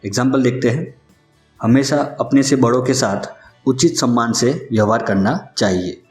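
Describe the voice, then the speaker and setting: A man giving a scripted vocabulary lesson, spelling out each word slowly and carefully, letter by letter. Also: mid-range voice. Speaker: English vocabulary teacher. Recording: echoey room with faint music underneath.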